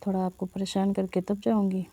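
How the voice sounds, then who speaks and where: Woman narrator as a teasing young woman, storybook, coaxing, dark flat voice. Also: medium pitch, a little fast, lightly acted.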